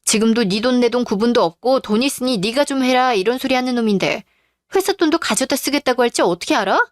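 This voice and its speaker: A woman's voice: on the high side, fast talker, no room sound, studio quality, natural voice. A woman voicing a curt, cold young business owner. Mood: angry. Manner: curt, scolding. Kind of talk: Korean radio drama.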